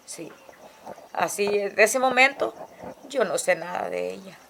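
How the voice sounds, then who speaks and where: An older woman giving testimony in a halting way, often checking in with her listener. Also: mid-range voice, animated, creaky, noisy background. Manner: halting, tagging lines with "¿verdad?". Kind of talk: spoken testimony in a documentary. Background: music.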